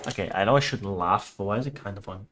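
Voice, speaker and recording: A man with a fairly low, slightly bright voice talks rapid-fire as he reacts to horror videos on a livestream. His casual chatter with viewers is blunt, teasing and sweary, broken up by moments of reading on-screen text aloud.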